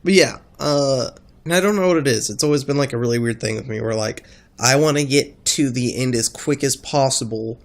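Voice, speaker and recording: A man with a congested, stuffy-nosed voice talking casually in a rambling gaming vlog, halting as he thinks. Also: medium pitch. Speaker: gaming video creator.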